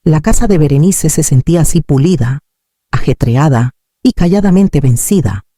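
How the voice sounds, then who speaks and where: A woman narrating a scripted story in a calm, measured way. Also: low-pitched, no echo, clean studio sound.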